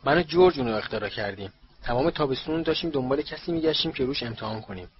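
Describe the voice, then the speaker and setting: A man voicing a cheerful teenage prankster wizard boy with a gleeful, quick delivery, in an audiobook recording with a slightly dull sound. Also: medium pitch, expressive, a little hiss or hum, lightly acted.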